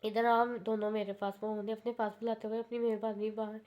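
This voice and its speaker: A woman narrating a romantic novel aloud, halting and stumbling over words, in a dull lo-fi recording. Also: fairly high pitch, little pitch movement. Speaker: audiobook narrator.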